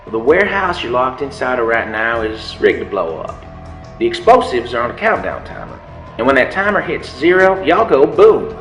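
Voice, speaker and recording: A man's voice: mid-range voice, fairly bright tone. An actor playing a smug scheming villain who taunts his captives with theatrical menace in a comedy sketch. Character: smug scheming villain man, folksy drawl. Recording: echoey room with music bed.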